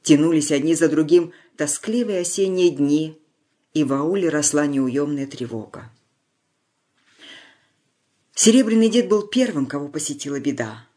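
A narrator reading a wartime village tale in a measured storytelling manner, slowing on solemn lines. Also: medium pitch, mellow. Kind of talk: scripted narration.

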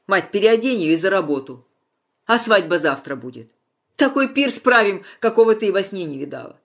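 A reader voicing a stern, domineering older peasant father who barks orders in a gruff voice, in a storybook reading. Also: medium pitch, very animated, brisk. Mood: angry, commanding.

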